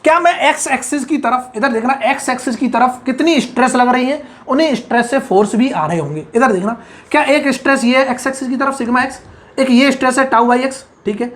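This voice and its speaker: A man giving a whiteboard engineering lecture. He keeps checking whether everything is clear, repeats key terms and murmurs short asides of praise. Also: extremely high pitch, quick pace, a bit bright. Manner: keeps asking if it is clear, praises himself with "very good". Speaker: engineering tutor.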